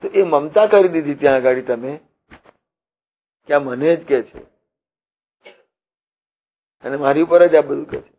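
A man preaching a devotional sermon, teaching slowly and repetitively with rhetorical questions and parables. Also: a little high, dark tone. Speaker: religious preacher.

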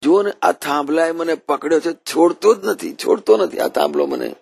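A man voicing a calm, wise wandering holy man who speaks in a patient, earnest teaching tone. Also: a little high, normal speed, vocal fry, breathy edge, full character voice.

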